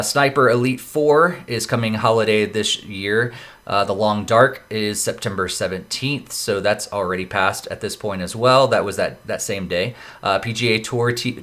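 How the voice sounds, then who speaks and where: A man's voice: fairly low pitch, fairly bright tone. A man hosting a casual gaming podcast, running through a list of news items with lots of "uh" fillers. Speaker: podcast host.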